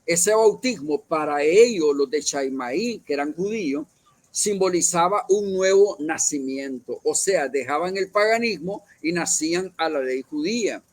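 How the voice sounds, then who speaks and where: A man's voice: fairly high pitch, animated, unhurried, no room sound. A man leading a Bible study, explaining at length, with many fillers and self-corrections. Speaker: church leader.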